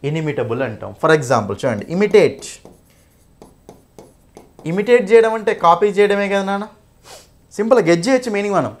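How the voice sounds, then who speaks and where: A man's voice: high-pitched, lively intonation, brisk, pauses often. A young man teaching an English exam-prep lesson, repeating points and checking in with "okay?" often.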